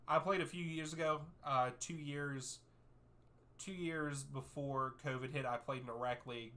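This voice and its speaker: A man's voice: mid-range voice, pushed and bright. A man in his thirties hosting a live soccer watchalong stream, reading viewer names and answering their questions in an easygoing way. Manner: easygoing, reads out chat names and answers at length.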